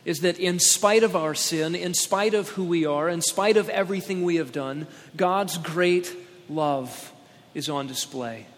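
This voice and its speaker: Male pastor at a pulpit microphone, slightly high voice, emphatic sermon delivery, long church reverb. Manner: emphatic, slowing down on key words.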